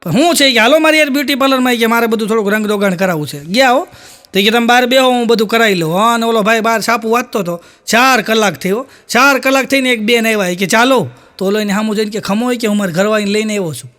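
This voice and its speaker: A man telling stand-up jokes, acting out the characters' lines in a higher voice. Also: fast talker, a bit bright. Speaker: stand-up comedian.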